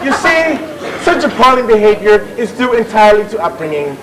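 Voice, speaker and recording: A man's voice: high-pitched, big pitch swings, a little fast, a crowd in the background. An actor playing a bossy, theatrical Victorian music hall chairman, declaiming and bantering with the audience on stage. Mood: pompous, jovial. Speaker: master of ceremonies. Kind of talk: comic stage musical narration. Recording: noisy live theatre audience recording.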